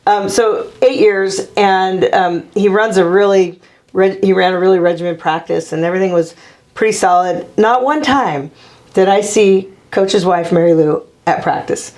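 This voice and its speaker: Brief: woman guest, former coach, animated storyteller who laughs a lot. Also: mid-range voice, moderate pace. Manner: animated, laughing, acts out quotes. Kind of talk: casual storytelling interview.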